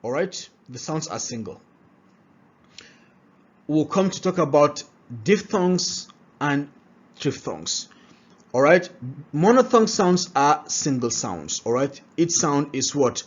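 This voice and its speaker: Speaking slowly with long pauses, a man whose voice is a little high and sing-song leads a classroom-style pronunciation lesson. He frequently poses rhetorical questions and asks "all right?" to check in, all captured on a dull lo-fi recording.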